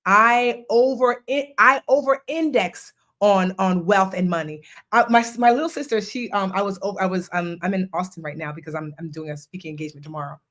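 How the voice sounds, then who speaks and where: A woman's voice: mid-range voice, brisk, few pauses, fairly bright tone. A woman in her forties hosting a live session, talking casually and animatedly, telling stories and acting out quoted voices. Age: 40s. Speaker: host. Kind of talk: casual live coaching talk.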